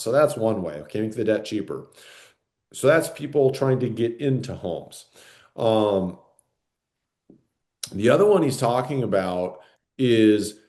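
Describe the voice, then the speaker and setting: A man's voice: lowish voice, mellow. A man co-hosting a podcast in casual chat, rambling with lots of fillers and "right?" tag questions. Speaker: podcast co-host.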